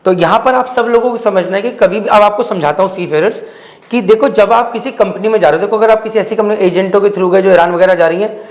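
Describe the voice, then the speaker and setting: A man's voice: high voice, fast. A male podcast host conducting a conversational interview, pressing his guest with follow-up questions and mixing English words into his speech. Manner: persistent, pushes with follow-up questions. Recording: roomy studio echo.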